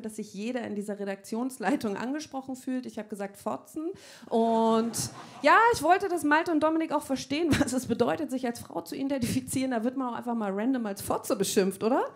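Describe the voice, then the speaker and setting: A woman performing a stand-up routine on a comedy club stage, blunt, crude and self-mocking. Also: fairly high pitch. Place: comedy club stage before a live audience.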